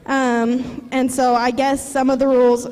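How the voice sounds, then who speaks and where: A woman's voice: high voice, level tone, a little slow, darkish tone. A teenage girl giving a graduation speech at a ceremony, nervous and full of fillers, joking and sincere. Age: teens. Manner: nervous, many fillers, humorous then tearful. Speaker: graduating student speaker. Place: large hall at a graduation ceremony. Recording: reverberant hall, faint room noise.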